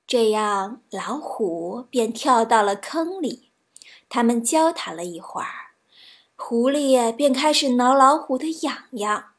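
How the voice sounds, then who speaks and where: A woman reading children's stories aloud, in a gentle storybook narration with a soft delivery. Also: on the high side, animated, takes it slowly.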